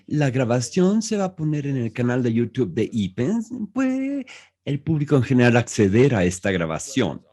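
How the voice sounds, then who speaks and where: A man working as a live interpreter for an online press conference, with a mellow, dark tone. His pitch moves in a lively way as he goes, and he often stops to restart words and fill gaps with hesitations. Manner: halting, with restarts and fillers. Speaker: simultaneous interpreter.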